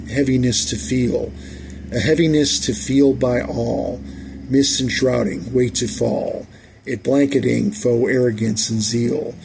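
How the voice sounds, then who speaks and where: A tired middle-aged man reading his own poetry in a measured, deliberate way, with frequent restarts. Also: mid-range voice, vocal fry, background noise.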